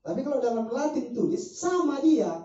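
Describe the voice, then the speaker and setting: Guy explaining stuff at a discussion meetup, dark mellow voice, far from the mic, roomy and muffled. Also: extremely high pitch, very animated, normal speed. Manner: explanatory, illustrates points with spoken examples. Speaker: discussion speaker. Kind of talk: casual discussion talk. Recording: muffled distant mic in echoey room.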